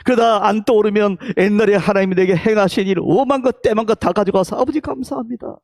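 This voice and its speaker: A male pastor with a Gyeongsang accent preaching a Sunday sermon in a church, with emphatic calls that drop to hushed whispers, leading the congregation to repeat his words. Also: sits high, fairly even intonation, fast, no room sound, studio quality. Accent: Gyeongsang Korean. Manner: leads the congregation in call-and-response. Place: church sanctuary.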